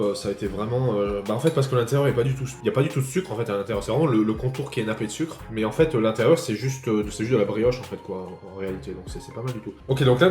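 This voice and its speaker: A man's voice: mid-range voice, darkish tone, roomy sound. A man hosting a casual food tasting vlog, chatty and full of fillers like a running commentary. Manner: chatty, repeats fillers like "voilà". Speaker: food vlogger.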